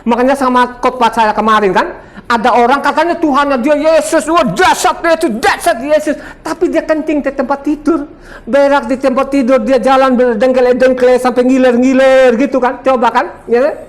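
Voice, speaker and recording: This congregation hears a sermon from a man in his 70s from Sumba, Indonesia, whose extremely high voice has fairly even intonation and a moderate pace. He preaches combatively and boastfully, often laughing and quizzing the audience.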